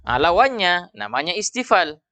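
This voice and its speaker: A man's voice: high-pitched, very animated, moderate pace, sharp tone, dry recording. A man teaching a tajwid lesson, explaining steadily and often saying "iya" between points. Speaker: Quran recitation teacher. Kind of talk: tajwid lesson with call-and-repeat.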